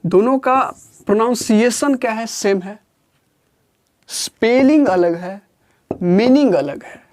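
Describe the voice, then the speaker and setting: A grammar teacher giving a classroom lesson, repeating each point and slowly dictating definitions word by word. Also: medium pitch, animated, darkish tone. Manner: repeats points and asks questions before answering them.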